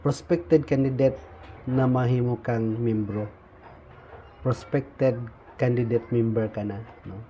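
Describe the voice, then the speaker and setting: A man explaining levels of membership in an informal talk, pausing often on fillers and tagging lines with "no?". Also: medium pitch, steady tone, warm tone. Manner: frequent "no?" tag questions, halting with fillers. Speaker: speaker explaining insurgent recruitment levels. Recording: dull lo-fi recording with faint noise.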